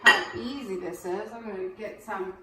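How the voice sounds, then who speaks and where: A woman's voice: mid-range voice, moderate pace, sharp tone, slight background noise. A woman hosting a home cooking demonstration, talking in a chatty, homey way as she works. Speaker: cooking channel host. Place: home kitchen. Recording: echoey kitchen, distant mic.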